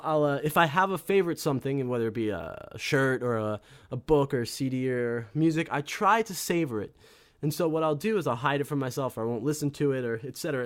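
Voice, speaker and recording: A young man hosting his own live music stream, chatting casually between songs in a rambling, profane, self-deprecating way. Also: mid-range voice. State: out of breath.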